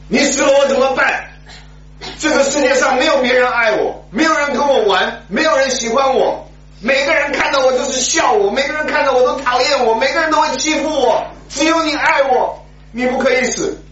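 A man voicing a crippled nine-year-old boy who pleads and wails in a high, loud, insistent voice, heard in an echoey, distant, dull recording. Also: brisk, a little hiss or hum. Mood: wailing.

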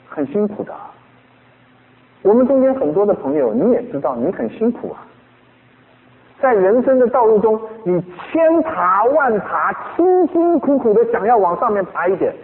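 A man preaching a sermon as a pastor, animated and full of rhetorical questions. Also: high-pitched, in a large hall, narrow, tinny audio.

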